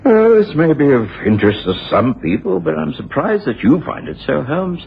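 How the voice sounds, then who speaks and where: An actor playing Doctor Watson, a mild, sceptical gentleman chronicler, speaking in formal, old-fashioned phrases in a radio drama. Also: on the high side, very animated, normal speed, vocal fry, a little hiss or hum. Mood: mildly sceptical. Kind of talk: radio drama acting, narration and dialogue. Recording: dull 1980s radio broadcast, faint music.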